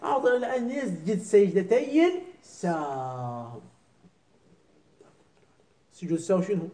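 Male cleric-teacher, high voice, questions students constantly through a jurisprudence class. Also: very animated, normal speed, dark tone, poor audio. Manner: keeps asking students "clear?" and quizzing them. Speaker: religious teacher. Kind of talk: seminary jurisprudence lesson.

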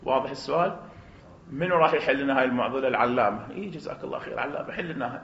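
A man with an Iraqi accent teaching a jurisprudence class, animated, firing off rhetorical questions and acting out short exchanges. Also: medium pitch, gravelly, a little hiss or hum. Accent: Iraqi Arabic. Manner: animated, fast, poses rhetorical questions and acts out dialogues. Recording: roomy, dull recording.

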